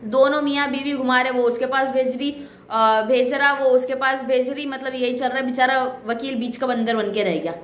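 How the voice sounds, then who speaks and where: A woman's voice: high voice, fairly even intonation, moderate pace. A woman casually retelling a film's story in a chatty, wry way with many asides, recorded in an echoey room. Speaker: movie reviewer. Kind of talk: casual movie story recap.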